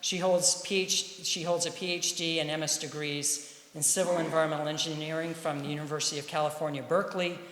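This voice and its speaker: A man's voice: a little high, flat delivery, fast, a bit bright. A man moderating an event, introducing a speaker in a casual, hesitant way with fillers. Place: event hall. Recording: echoey hall with faint hiss.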